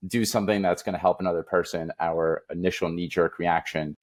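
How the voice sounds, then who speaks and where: A low-voiced man hosts a podcast in a thoughtful, earnest style. He shares his examples with soft chuckles. The recording is dry and close to the mic. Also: steady tone, fairly quick, no room sound. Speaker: podcast host. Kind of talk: conversational interview.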